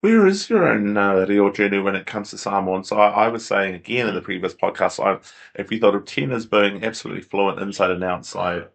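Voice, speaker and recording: A man's voice: lowish voice, expressive, fairly quick, creaky. A man hosting a podcast interview, listening attentively and offering frequent short affirmations. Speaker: podcast host. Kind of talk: casual conversational interview.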